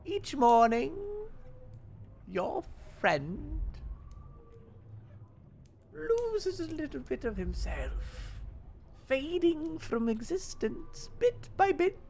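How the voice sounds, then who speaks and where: A man voicing a sly, mock-sweet old hag in a tabletop game, with a creaky crone's voice and drawn-out words. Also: very high voice, very animated, darkish tone, slight background noise, full character voice. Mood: gloating. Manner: slow, drawn-out, mock-sweet "dearie" talk. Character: sly old hag woman bargaining over curses. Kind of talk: in-character tabletop role-play.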